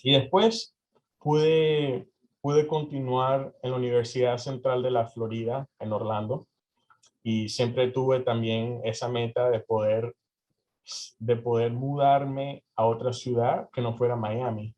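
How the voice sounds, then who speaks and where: A man's voice: medium pitch, level tone, slow pace, a little mellow. A young man from Venezuela answering interview questions, hesitant with many fillers and restarts. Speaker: interview guest. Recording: slightly dull lo-fi audio.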